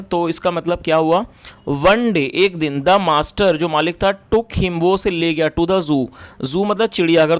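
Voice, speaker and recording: High-voiced man teaching English in Hindi. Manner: slow, word-by-word reading of English lines, frequent fillers. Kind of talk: explaining English sentences in Hindi.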